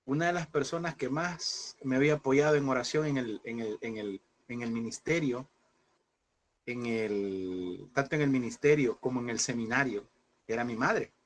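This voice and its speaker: A fervent sermon-style seminary class is led by a man in his thirties whose grief comes through as he keeps addressing listeners as "hermano" (brother). He speaks at a normal speed with a medium-pitched voice over slight background noise.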